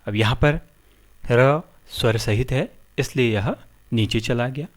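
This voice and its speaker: A man teaching a lesson, spelling out letters one by one in a measured way. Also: mid-range voice. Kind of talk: slow explanatory lesson.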